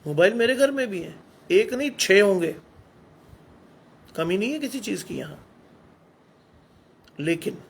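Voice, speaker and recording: A man's voice: high voice, a bit bright. A middle-aged man preaching a Hindi sermon, exhorting his listeners with rhetorical questions.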